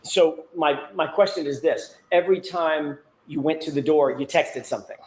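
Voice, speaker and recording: A man's voice: a little high, normal speed, a little mellow, low-quality recording. A man working as a defense attorney, cross-examining a witness in a courtroom with pointed, methodical leading questions.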